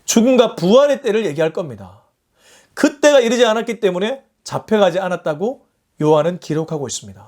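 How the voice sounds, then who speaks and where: High-voiced pastor preaching. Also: male voice, expressive, fairly quick, a little mellow. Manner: earnest, explains verses in plain everyday terms. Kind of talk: sermon with scripture reading. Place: church or small studio for an online morning service.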